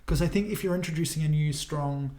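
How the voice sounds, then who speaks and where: A young man co-hosting a casual film chat, thinking aloud and giving his own opinions in a measured way. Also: fairly high pitch. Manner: measured, thinks out loud, offers personal opinions. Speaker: podcast co-host. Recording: roomy echo.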